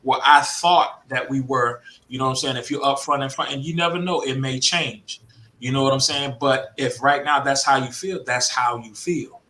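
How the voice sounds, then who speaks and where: A man's voice: mid-range voice, steady tone, moderate pace, sharp tone. A man hosting a casual live-stream talk, rambling and leaning on "you know what I'm saying". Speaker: host.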